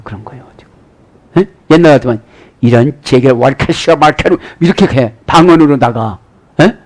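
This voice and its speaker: A man's voice: a little high, a little mellow. A middle-aged male pastor preaching a sermon, often prompting the congregation with a questioning "eh?" between points. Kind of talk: sermon with Greek word study.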